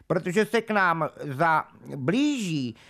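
Brief: actor as a lecturing amateur scientist, lively slightly high voice. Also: male voice. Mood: insistent. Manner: lecturing, earnest, stumbling over words. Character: know-it-all man reading odd science news aloud. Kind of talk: comedy sketch acting.

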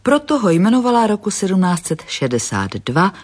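A woman's voice: medium pitch, big pitch swings, a little mellow. A woman reading historical documentary narration in a plain, formal manner.

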